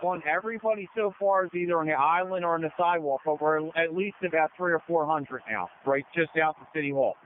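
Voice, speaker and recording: A man reporting from the field as a police officer over radio, in a halting, matter-of-fact way. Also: a little high, narrow, tinny audio. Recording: thin noisy police radio, faint hiss.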